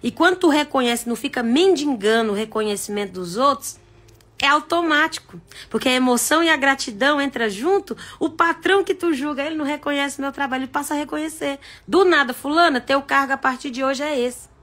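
A woman's voice: sits high, expressive, fairly quick, fairly bright tone. A woman hosting a live stream, talking frankly with jokes and asides, shifting her pace for emphasis. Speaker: psychic live-stream host. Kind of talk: casual live-stream chat.

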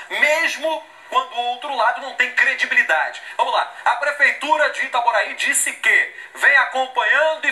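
A man's voice: very high voice, pushed and bright, echoey room. A man in his forties with a Brazilian accent, a news anchor in a studio giving sarcastic, emphatic commentary while reading out a statement. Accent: Brazilian Portuguese. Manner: indignant, sarcastic, emphatic, gesturing. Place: television studio.

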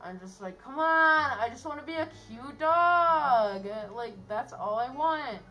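A woman's voice: high voice, expressive, measured pace. A young woman in a casual interview, talking in a giggly, rambling way, her voice muffled inside a costume head. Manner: giggly, rambling, laughs often. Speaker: fursuiter interviewee.

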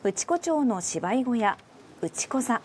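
A woman's voice: fairly high pitch, very animated, slow pace, a little mellow, a little hiss or hum. A woman news announcer reading a scripted report in a formal style.

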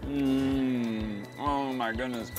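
A man in his thirties, excitable and joking, chatting as co-host while tasting steak. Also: mid-range voice, very slow, soft background music. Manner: excitable, animated, jokey. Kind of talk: casual cooking chat.

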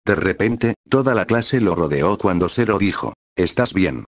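A man reading a fan-written adventure story aloud at a steady storytelling pace. His voice is very deep, and the recording is dry and close with no room sound. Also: moderate pace, dry recording. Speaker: narrator.

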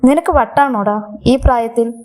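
A woman's voice: a little high, moderate pace, warm tone, lightly acted. A woman voicing a desperate young woman in a storybook reading, speaking harshly and sharply. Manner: harsh, snapping.

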